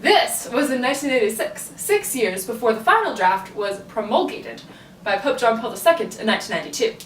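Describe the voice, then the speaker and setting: A woman's voice: fairly high pitch, expressive, a little fast, slight background noise. A young woman co-hosting a casual, upbeat scripted video, speaking playfully. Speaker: co-host. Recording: echoey room, mic at a distance.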